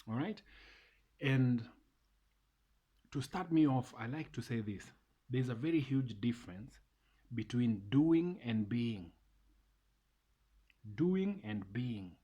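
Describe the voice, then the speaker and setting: A man, talking casually and warmly to viewers in a motivational vlog, repeating phrases for emphasis. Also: medium pitch, breathy edge. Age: 30s. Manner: repeats phrases, mixes in Swahili. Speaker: vlogger.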